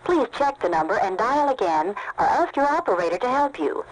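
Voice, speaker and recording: A woman delivering a formal recorded telephone announcement in a measured, polite, repetitive way, heard through a fuzzy, crackly, distorted phone recording. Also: fairly high pitch, sing-song.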